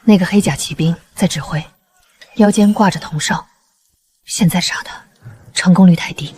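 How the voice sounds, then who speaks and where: A woman voicing a condemned seventeen-year-old girl with a modern soldier's mind, who speaks in clipped, commanding phrases in an animated drama. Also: lowish voice, normal speed, slight background noise, lightly acted.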